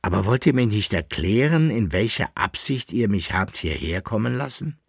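A man's voice: lowish voice, lively intonation, moderate pace, gravelly, slightly rough, no room sound, studio quality, heavily acted. A man reading aloud, voicing a young army officer who is earnest and easily flustered.

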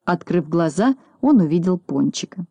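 A woman reading a children's story aloud in a calm, even storytelling voice. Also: on the low side, normal speed, slightly rough, no room sound. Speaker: reader.

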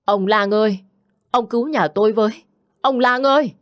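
A woman's voice: on the low side, normal speed, darkish tone, no echo, studio quality, close to an everyday voice. A woman voicing a desperate old village man who pleads and cries out in panic for help. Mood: pleading.

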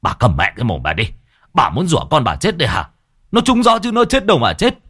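A man doing a gruff scolding father. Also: on the low side, sing-song, moderate pace, bright, forceful tone. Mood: angry scolding. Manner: harsh, scolding, barking orders. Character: gruff bad-tempered middle-aged father.

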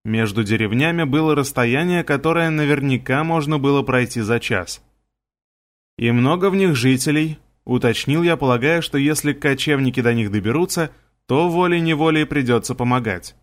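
Steady male audiobook narrator. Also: medium pitch, brisk. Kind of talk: first-person audiobook narration.

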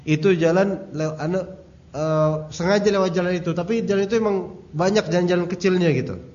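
A male Islamic teacher giving a religious study lecture, his voice sitting a bit high for a man. He keeps it casual and joking, tells anecdotes and talks straight to his listeners. The recording sounds dull and lo-fi. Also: a little fast, darkish tone. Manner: addresses audience directly.

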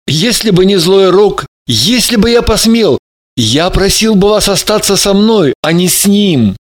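Отчаявшийся молодой мужчина, над которым висит проклятие, его читает мужчина-чтец. Говорит умоляюще и надрывно, голос высокий, интонации резко скачут. Звучит неторопливо, как в аудиокниге. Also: male voice, sits high, animated, a little slow. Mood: anguished. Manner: pleading, despairing. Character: anguished young man cursed in love. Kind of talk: audiobook character reading.

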